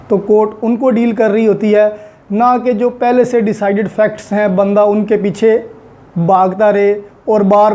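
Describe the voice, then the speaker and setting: This is an explanatory law lesson delivered in Urdu with English legal terms mixed in, by a lecturer whose accent is Pakistani. He proceeds methodically, step by step with examples, in a dark, mid-range voice.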